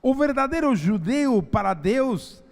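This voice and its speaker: Guy preaching slow and emphatic, high voice swinging all over, big echoey church hall. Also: very animated, gravelly. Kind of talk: sermon with Bible reading.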